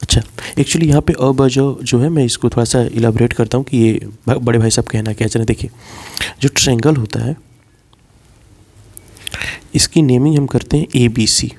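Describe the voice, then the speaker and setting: A male teacher giving an animated literature lesson, acting out a scolding elder brother with rhetorical questions, then explaining step by step. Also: mid-range voice, normal speed, long pauses.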